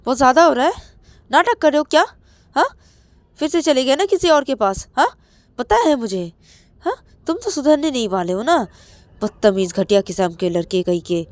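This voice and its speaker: A woman voicing a jealous young man who shouts and fires accusing questions at his boyfriend. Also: mid-range voice, fairly even intonation, moderate pace, gravelly, dry recording, close to an everyday voice. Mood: furious, accusing.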